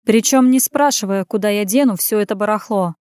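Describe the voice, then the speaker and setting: Woman reading a bearded man, gruff, bossy, teasing, blunt, dry audiobook sound. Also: mid-range voice, steady tone, a little slow, a little mellow, no room sound, lightly acted.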